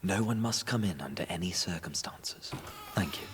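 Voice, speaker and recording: A man's voice: low-pitched, lively intonation, normal speed. A man voicing a courteous, theatrical travelling witch in an anime dub, polite and full of flourish. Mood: polite, earnest. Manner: polite, smooth-talking, flourishing. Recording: clear background noise.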